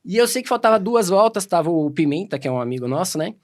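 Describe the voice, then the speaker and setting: Fast-talking animated Brazilian man. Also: sits high. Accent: Brazilian Portuguese. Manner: animated, quick anecdotes full of quoted dialogue. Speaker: podcast guest. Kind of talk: casual storytelling.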